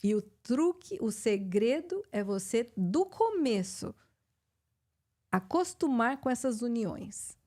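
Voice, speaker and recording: A woman's voice: a little high, big pitch swings, slow pace, a little mellow. A middle-aged woman with a Brazilian Portuguese accent, an English teacher hosting a live chat and explaining with many fillers and restarts.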